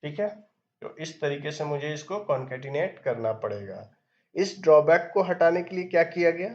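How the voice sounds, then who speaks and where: With lo-fi sound, a man speaks at a moderate pace in an expressive, fairly high voice. His screen-recorded coding tutorial walks through programming step by step as he types, reading each line of code out loud.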